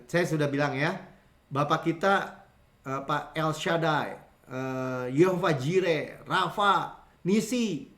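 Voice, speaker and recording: A man in his fifties from Indonesia, a pastor giving a lively conversational sermon, telling stories and acting out the people he quotes. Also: fairly high pitch, echoey room. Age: 50s. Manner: animated storytelling, acting out quoted voices, frequent chuckles. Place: church sanctuary.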